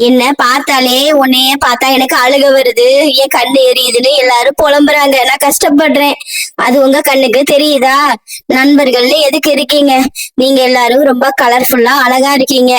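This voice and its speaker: A woman's voice: high voice, fairly even intonation, normal speed, fairly bright tone, no room sound, low-quality recording. A woman voicing a self-pitying onion who feels unloved, in a cartoon. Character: sad onion, feeling unloved.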